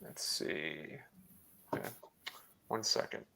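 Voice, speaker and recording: A man's voice: slow pace, bright, forceful tone, slight background noise. A man hosting a live online trivia quiz over a video call, talking with hesitant fillers and restarts. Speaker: trivia host.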